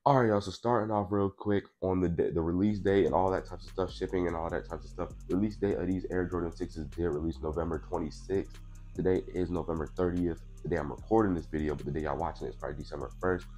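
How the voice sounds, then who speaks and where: In a small indoor room with purple lighting and soft background music, a sneaker vlogger in his twenties chats through an unboxing on a clip-on mic. His voice sits low with a steady, darkish tone, and he talks fast, slightly congested from allergies. He's laid-back and chatty, frequently saying "you know what I'm saying."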